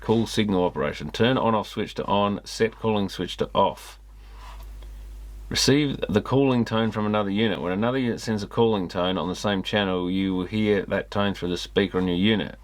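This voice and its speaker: A man who hosts an electronics repair video channel speaks in a fairly low voice, a little fast, commenting casually and reading a manual aloud with muttered asides. There's no room sound.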